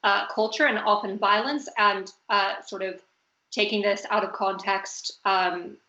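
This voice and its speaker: A young American woman with a medium-pitched, steady voice moderates a panel discussion over a video call at a measured pace, her tone pushed and bright. She fills her speech with hedges and fillers, and the call audio sounds roomy and muffled.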